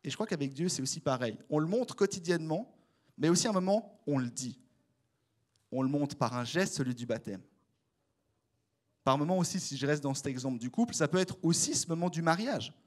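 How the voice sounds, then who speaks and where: A young man with a Swiss French accent gives a relaxed, conversational sermon. His voice sits slightly high, and he talks straight to the congregation with lively swings in energy. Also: a little fast. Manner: animated, conversational, addresses the congregation directly. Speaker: preacher. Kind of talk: casual sermon.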